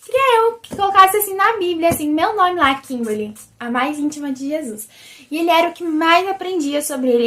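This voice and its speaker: A young Brazilian woman hosts a casual religious vlog, her voice high, squeaky and almost childlike. She chats animatedly, constantly turning to her viewers and often calling them "gente," with a Brazilian Portuguese accent.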